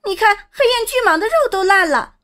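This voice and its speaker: A woman voicing a panicked young swordswoman who cries out in a shrill, rushed voice. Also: lively intonation. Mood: frantic. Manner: frantic, rushed shouting.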